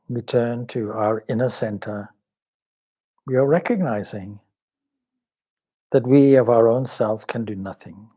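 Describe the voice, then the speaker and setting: A man leads a guided meditation as a swami, speaking in a measured, solemn, devotional way and pausing between short phrases. His voice sits on the low side, with a darkish tone and a breathy edge.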